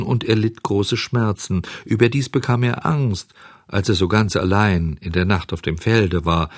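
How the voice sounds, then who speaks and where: Low-voiced man reading a storybook. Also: dry recording, studio quality. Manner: slow, measured, expressive reading. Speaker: narrator. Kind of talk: scripted storybook narration.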